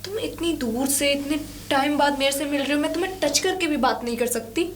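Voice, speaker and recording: A woman's voice: sits high, brisk, a little hiss or hum, close to an everyday voice. A woman playing a young married woman who pleads with and defends herself to a former lover. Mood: tender. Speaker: actor. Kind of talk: low-budget crime drama acting.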